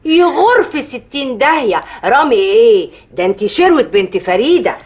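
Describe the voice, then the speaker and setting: An actress playing a middle-aged Egyptian mother who talks in an expressive way, shifting between soft coaxing and tearful outbursts. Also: fairly high pitch, moderate pace. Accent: Egyptian Arabic. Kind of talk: TV drama acting.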